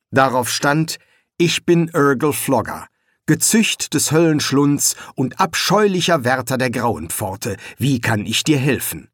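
Slow, lively man narrating an audiobook. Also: medium pitch, no echo, clean studio sound. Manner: slow, deliberate and dryly ironic. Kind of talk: scripted narration.

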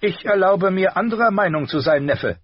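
Sardonic sharp-tongued lord, done by a guy narrating, pitched way up, dull dry sound. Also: lively intonation, normal speed, slightly rough, dry recording. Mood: mocking stern. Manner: cutting, scolding. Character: sardonic clever male noble, sharp-tongued uncle.

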